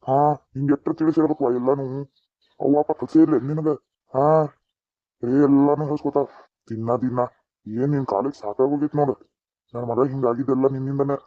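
A man's voice: medium pitch, fairly even intonation, fairly quick, dry recording, natural voice. A man voicing a bitter, scolding older mother-in-law with a North Karnataka accent in a cartoon. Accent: North Karnataka Kannada. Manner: scolding, taunting. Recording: dry, dull lo-fi sound.

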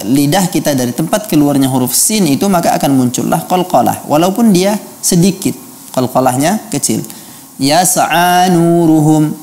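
A man judging a Quran recitation contest, giving careful feedback and slowly chanting words to show the right pronunciation. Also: fairly high pitch, a little mellow. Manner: deliberate, slowly chants Arabic words to model them.

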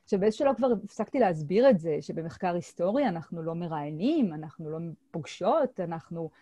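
Middle-aged woman, academic lecturer, halting delivery full of fillers, mellow voice, dry close sound, video call mic. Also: lowish voice, animated, no room sound. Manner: hesitant, with many filler sounds and restarts. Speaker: Holocaust historian presenting her research. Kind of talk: academic lecture at an online seminar. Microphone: computer mic on a video call.

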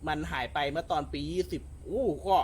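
A man showing jet skis for sale in a chatty, polite way, often pausing with fillers and correcting himself. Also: on the high side, expressive, a little hiss or hum. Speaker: jet ski shop salesman. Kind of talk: casual sales walkthrough.

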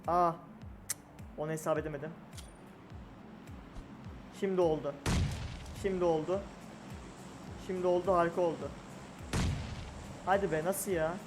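A young man giving live commentary on his own gameplay, excitable and talking to himself and his opponents. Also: on the high side, a little slow, pauses often. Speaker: gaming streamer. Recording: game music and gunfire behind. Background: game music and gunshots.

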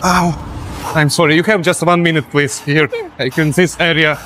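In a large indoor gym with music playing, a young man pretends to be a cleaner for a hidden-camera prank, giggling nonstop and apologizing in broken English. His voice is on the high side and a bit bright, with fairly even intonation at a normal speed.

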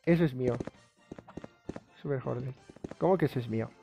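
A man streaming a game live, talking casually, rambling excitably and swearing often. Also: mid-range voice, brisk, creaky, music in the background.

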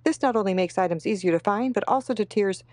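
A woman in her thirties narrating a home decluttering vlog in a calm, steady voice-over. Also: medium pitch, quick pace. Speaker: home organizing vlogger.

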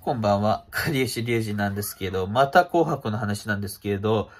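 A young man speaks casually to camera with a stuffy nose that makes him sound nasal and congested. His voice is somewhat low and noticeably husky. He goes along in a halting, conversational way, like a vlogger chatting at home. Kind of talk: casual spoken commentary to camera. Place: small room at home, indoors.

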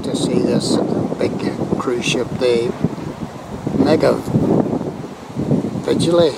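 A Northern Irish man giving slow, chatty commentary with wry asides while filming outdoors on a windy hillside. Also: mid-range voice, creaky. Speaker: vlogger filming the view. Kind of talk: casual handheld commentary. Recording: loud wind noise on camera mic.

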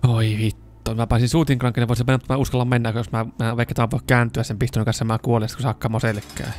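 A young man with a Finnish accent commenting on his own gameplay at a mid-range pitch, shifting quickly from muttering asides into excited yells and curses. Faint game music runs quietly underneath. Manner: excitable, swears and yells when in danger. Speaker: gaming YouTuber. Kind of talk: casual let's-play commentary.

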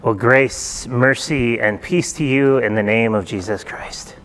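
A middle-aged man preaching a sermon in a church, retelling a folktale in a relaxed, conversational way and asking the congregation questions. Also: medium pitch, a little slow, a little hiss or hum. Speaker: pastor. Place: church sanctuary.

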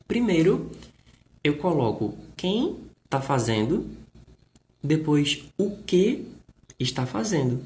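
A man with a Brazilian Portuguese accent teaching English on a live stream. He explains slowly and repeats himself, with playful jokes, and reads out viewer comments. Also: fairly high pitch, a little mellow. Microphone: live stream setup.

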